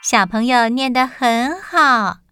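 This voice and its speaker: A woman teacher giving a slow phonics lesson to young children, reading words out deliberately and enunciating carefully for repetition. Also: fairly high pitch, animated, music in the background.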